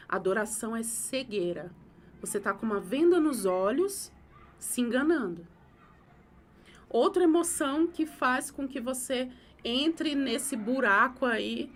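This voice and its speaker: Woman host, high voice, emphatic live talk, faint hiss behind. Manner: emphatic, repeats phrases for effect. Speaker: host giving advice on emotions.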